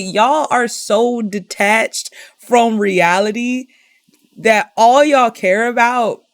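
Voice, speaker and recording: A young woman giving an indignant commentary rant, piling up rhetorical questions and filling pauses with "like". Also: on the high side, dry recording. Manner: indignant, exasperated, repeats herself with rhetorical questions; heavy use of "like" as filler. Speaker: commentary vlogger.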